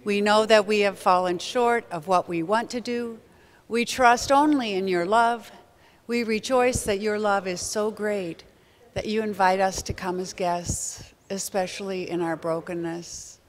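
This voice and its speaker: A middle-aged woman pastor leads a communion liturgy in a smooth, resonant voice. She reads slowly and solemnly, in a prayerful way, from the front of a church sanctuary, heard through a distant camera. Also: medium pitch. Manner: slow, solemn, prayerful reading.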